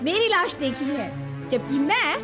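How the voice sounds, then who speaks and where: A woman's voice: high voice, very animated, unhurried. An actress playing a suspicious young woman in a TV horror serial, accusing her friends in a sarcastic way. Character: suspicious young woman, sharp-tongued sister. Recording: dramatic background music.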